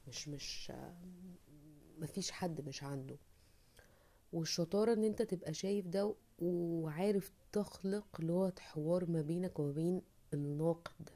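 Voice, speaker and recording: A woman's voice: on the low side, moderate pace, warm tone. A woman with an Egyptian Arabic accent, hosting a podcast in a casual, reflective monologue, thinking aloud and acting out inner voices. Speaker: podcast host.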